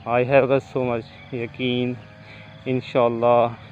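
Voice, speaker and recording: A man vlogging outdoors on a golf course while walking, talking haltingly with many fillers into a phone camera. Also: medium pitch, little pitch movement, narrow, tinny audio, a little hiss or hum. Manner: halting, many fillers, non-native phrasing. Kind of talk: walking vlog, reciting prayers then casual talk. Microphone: phone camera held while walking.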